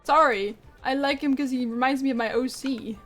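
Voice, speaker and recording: A woman's voice: sits high, moderate pace, fairly bright tone, soft background music. A woman streaming a game, chatting casually and rambling as she plays, often laughing. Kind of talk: casual live-stream chat while gaming.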